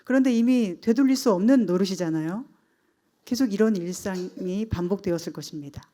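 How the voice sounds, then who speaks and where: A woman's voice: mid-range voice, brisk, dark tone. A woman pastor giving a sermon in a church, earnest and conversational, with frequent fillers.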